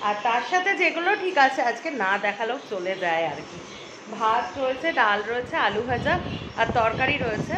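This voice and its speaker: A young woman vlogging casually at home, chatting brightly about food and a family surprise gift. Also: a little high, background noise. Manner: chatty, lively, whispers while planning a surprise. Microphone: phone camera.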